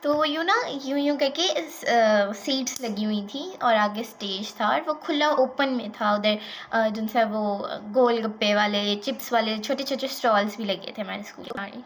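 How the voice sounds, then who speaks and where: A woman with a high voice tells a childhood story in a casual vlog. She is animated and chatty and slips English words into her talk. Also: normal speed, slight background noise. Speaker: vlogger.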